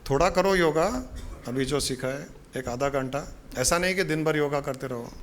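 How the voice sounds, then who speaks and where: A man's voice: fairly high pitch, moderate pace, a little hiss or hum. A man speaking as a spiritual guru, giving a casual devotional talk with a folksy, joking storytelling manner.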